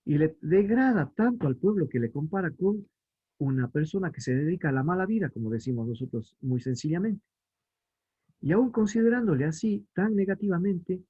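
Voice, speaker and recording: A man's voice: a little high, warm tone, husky, highs cut off. A man giving a religious lesson to families, explaining patiently and asking questions that he answers himself. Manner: reads scripture aloud slowly. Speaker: family catechist.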